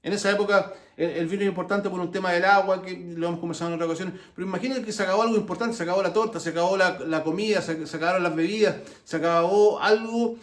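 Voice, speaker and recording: A man's voice: high voice, steady tone, racing, hardly any pauses, reverberant. A man with a Chilean accent giving a conversational sermon, telling the story with humor, many restarts and side remarks. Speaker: preacher.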